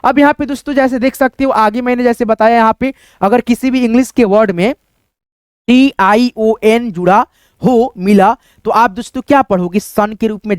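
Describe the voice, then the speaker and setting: A man's voice: high voice, clean tone, no room sound. Guy teaching pronunciation online, spells letters out and repeats every word, dry close sound. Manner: constantly addresses viewers as friends. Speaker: English teacher. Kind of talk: online pronunciation lesson in Hindi.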